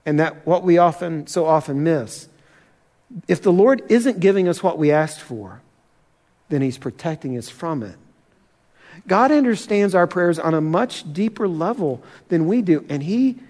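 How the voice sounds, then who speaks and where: A pastor giving an earnest sermon, slowing down to stress key points and challenging his listeners. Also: high-pitched, darkish tone, in a large hall. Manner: earnest, challenging, slows for emphasis.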